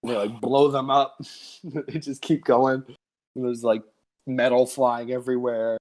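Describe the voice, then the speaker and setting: A man's voice: medium pitch, flat delivery, measured pace, a little mellow. A young man co-hosting a casual podcast, telling stories loosely with lots of fillers. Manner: laid-back storyteller, lots of "like". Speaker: co-host.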